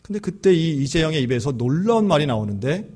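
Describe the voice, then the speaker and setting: A man preaches in a storytelling sermon, moving his fairly high voice up and down with a lot of life. His tone has a husky edge. He slips in and out of the voices of the people in his story. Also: fast talker. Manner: lively storyteller acting out dialogue. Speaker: pastor.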